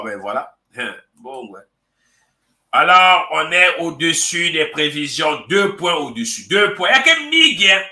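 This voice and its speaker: A man's voice: fairly high pitch, roomy sound. A man hosting a morning show, chatting casually and teasing listeners while mixing in local words. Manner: animated, teasing, mixes French with local words. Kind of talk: casual radio chat.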